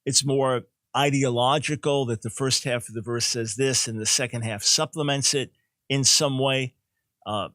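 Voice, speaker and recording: An older man teaches on his call-in show, emphatic and explanatory, doubling back on words as he restarts a thought. His voice sits at an ordinary middle pitch. The sound is dry and close, with no room to it. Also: fairly bright tone, no echo. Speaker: radio talk show host and Bible teacher.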